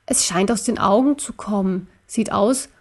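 A woman voicing Ariel, a small, brave male stuffed-toy elk in a storybook, speaking in a calm, thoughtful way. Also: mid-range voice, moderate pace, natural voice.

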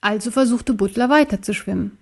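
A woman reading a children's story aloud in a calm, even storytelling manner, sometimes dropping to a soft whisper. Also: mid-range voice, a little fast, husky. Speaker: story narrator.

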